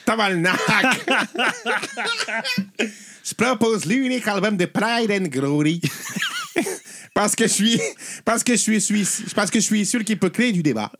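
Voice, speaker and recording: A male listener from Canada reads out his letter in a broad, exaggerated Québécois accent, put on by a man. The delivery is hammy and over the top. The voice leaps around lively and sits a little high. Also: measured pace, pauses often, slight background noise, full character voice.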